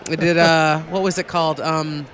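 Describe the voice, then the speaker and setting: A woman's voice: low voice, steady tone, moderate pace. A woman voice actor answering interview questions at a convention booth, friendly with brief answers. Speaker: voice actor, guest.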